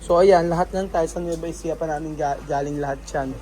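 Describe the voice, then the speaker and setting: A man's voice: a little high, fairly even intonation, fast, mellow, a little hiss or hum, low-quality recording. A man from the Philippines vlogging casually in a house under renovation, chatting to his viewers with many fillers and restarts. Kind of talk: casual vlog commentary to viewers.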